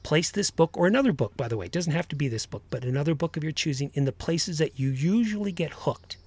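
A man's voice: a little high, lively intonation, fast, a little mellow. A man hosting a motivational podcast as a coach, addressing listeners directly in an earnest, emphatic way.

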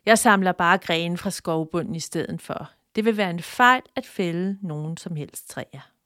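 A woman's voice: fairly low pitch, fairly bright tone, no echo, clean studio sound, natural voice. A woman voicing a lazy but good-natured young male woodcutter. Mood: plain.

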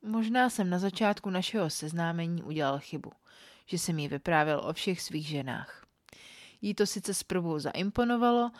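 A woman reading an erotic story aloud in a calm, even first-person storytelling manner. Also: on the low side, no echo, studio quality. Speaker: podcast storyteller.

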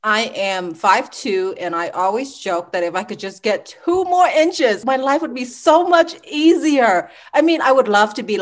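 A young adult woman from Vietnam, raised in Texas, hosting a podcast in a friendly, easygoing chat. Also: mid-range voice. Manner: friendly, easygoing, laughs lightly. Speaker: podcast co-host. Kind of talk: casual chat.

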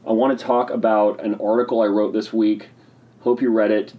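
A man hosting a casual solo podcast, talking in an excitable, rambling, opinionated way while sipping a drink. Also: on the low side, moderate pace, phone-quality sound. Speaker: podcast host.

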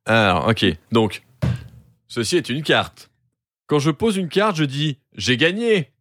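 A man's voice: medium pitch, sing-song, slow pace, a bit bright, dry recording, studio quality. A man playing a party card game on a podcast, chatting casually, teasing the others and laughing often.

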